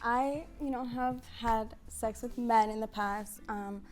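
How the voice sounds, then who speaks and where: A woman's voice: on the high side, steady tone, slow. A woman in her twenties sharing personal feelings on a dating show, hesitant and full of ums. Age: 20s. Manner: hesitant, soft-spoken, many ums.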